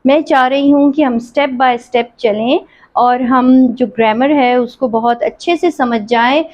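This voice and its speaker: A woman teaching an English grammar lesson, reading quiz sentences slowly and explaining them quickly in between. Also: high voice, fairly even intonation. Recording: dull lo-fi sound.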